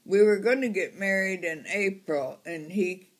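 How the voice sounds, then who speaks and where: A very old woman of ninety-one reminisces casually in a halting, unhurried way, as someone being interviewed. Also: medium pitch.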